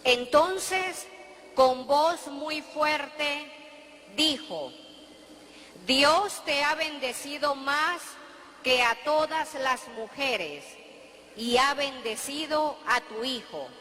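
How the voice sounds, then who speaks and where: A woman reading a scripture passage in a slow, solemn manner. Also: high voice, sharp tone, in a large hall, a little hiss or hum.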